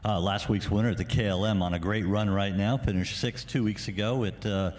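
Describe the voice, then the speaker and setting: A man giving live golf commentary, filling in on players in an informative, measured way. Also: fairly low pitch, fairly even intonation, darkish tone.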